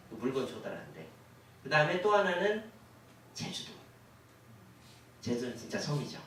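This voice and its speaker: Male lecturer, animated, quizzing the class; captured from afar in a reverberant hall. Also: fairly high pitch. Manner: asks the audience questions, acts out quoted officials. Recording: echoey hall, voice from far off, faint hiss.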